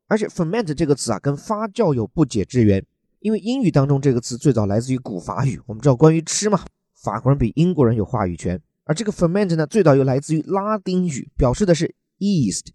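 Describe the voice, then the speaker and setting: A man's voice: a little high, dark tone, dry recording, studio quality. A man from China, teaching English words from a news article in a chatty, joking way and spelling words out letter by letter.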